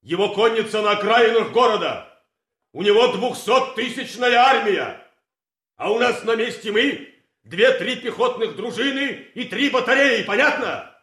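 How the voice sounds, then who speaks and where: An actor playing a stern, bitterly sarcastic army colonel in a period military drama, declaiming orders deliberately with heavy pauses. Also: male voice, sits high, expressive, a bit bright. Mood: grave, insistent. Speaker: commanding officer. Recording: echoey hall.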